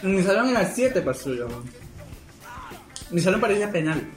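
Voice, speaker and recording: A young man, chatting casually in an animated, questioning way. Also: high voice, moderate pace, roomy sound, soft background music. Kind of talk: casual chat.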